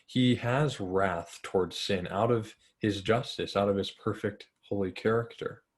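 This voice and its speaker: Earnest low-voiced Bible teacher man. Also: a little mellow. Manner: earnest, conversational, with fillers and restarts.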